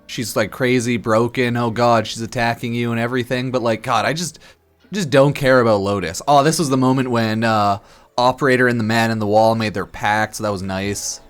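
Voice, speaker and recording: Over background music, a slightly drunk man streams games with casual, rambling commentary that's blunt, profane, and opinionated. His medium-pitched voice is clear and resonant, with fairly even intonation and a brisk pace.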